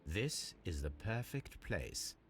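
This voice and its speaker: An actor playing a self-assured, calculating gentleman detective in a video game, speaking formally and precisely. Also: deep voice, big pitch swings, slow, faint music behind, heavily acted.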